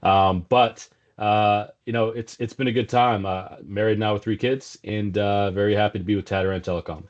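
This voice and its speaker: The clip features a middle-aged man from South Africa, a sales executive, chatting as a guest in a laid-back business interview with lots of fillers and restarts. His voice is lowish and steady at a normal pace, with a South African accent and a hint of Texas twang, on dull, lo-fi audio.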